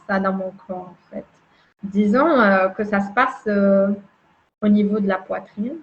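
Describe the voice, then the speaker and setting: A woman explaining a calming emotion exercise in conversation, gentle and demonstrative, often repeating her words. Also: mid-range voice, dull audio. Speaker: emotional wellbeing guide.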